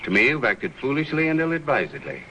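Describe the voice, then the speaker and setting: A man's voice: mid-range voice, big pitch swings, fast, muffled recording, slight background noise, close to an everyday voice. An actor playing a stern, formal older banker lecturing his grown son.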